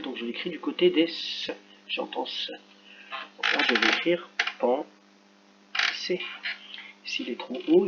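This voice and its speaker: A male teacher correcting a reading exercise for children, talking slowly and carefully and spelling out each sound as he works. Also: mid-range voice, vocal fry, muffled recording, background noise. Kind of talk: screen-recorded lesson correction.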